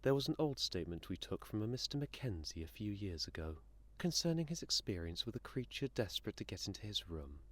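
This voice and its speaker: A man with a lowish, very animated voice voices a menacing, condescending inhuman entity for an audio drama. His delivery is sardonic, theatrical and deliberate, with a detached, matter-of-fact mood.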